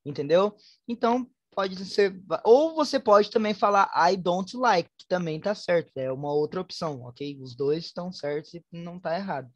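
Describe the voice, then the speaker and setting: A woman with a Brazilian Portuguese accent, teaching an online English class, switching between Portuguese and slowly spoken English examples. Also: lowish voice, expressive, no room sound, dull audio. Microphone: online class headset or computer mic.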